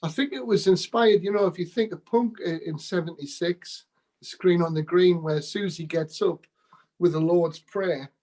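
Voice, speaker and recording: A man's voice: high voice, normal speed, a little mellow, low-quality recording. A man being interviewed, telling rambling anecdotes about his music days with laughs and quotes. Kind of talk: casual storytelling interview.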